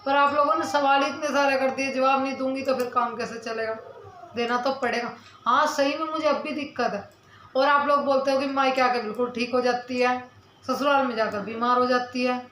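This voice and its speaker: A woman's voice: high-pitched, fairly even intonation, brisk, a bit bright, reverberant, a little hiss or hum, rough recording. A young woman vlogger talking to camera, earnestly answering her viewers' comments and defending herself while in some pain from her mouth. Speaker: village vlogger.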